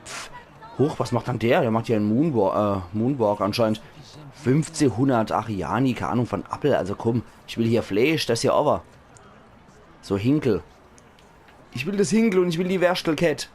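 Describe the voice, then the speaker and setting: A hoarse man with a Palatinate German accent, chatting enthusiastically as he comments on a video game. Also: mid-range voice, expressive, moderate pace, pauses often, darkish tone. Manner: chatty, enthusiastic, laughs often. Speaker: let's play host. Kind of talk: casual gaming commentary.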